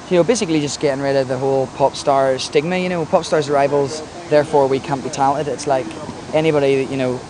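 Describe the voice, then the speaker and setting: A man from a pop band chatting casually behind the scenes at a video shoot, full of "you know" and "like". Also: mid-range voice. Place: outdoor video shoot location. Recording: noisy outdoor ambience.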